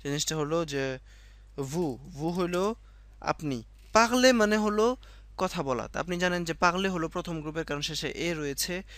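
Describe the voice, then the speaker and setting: Male teacher, slightly high voice, dead dry sound, repeats himself, lots of fillers. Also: measured pace, a bit bright, no echo. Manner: explains step by step, repeats himself, many fillers and self-corrections. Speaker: French teacher. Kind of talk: casual spoken lesson.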